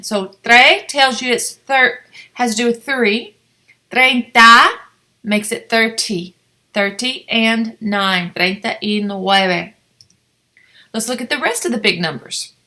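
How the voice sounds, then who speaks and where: A woman's voice: fairly high pitch, pushed and bright. A woman teaching a language lesson, coaxing listeners to repeat after her. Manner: coaxing, asks learners to repeat. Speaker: Spanish teacher. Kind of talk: slow, repetitive language lesson.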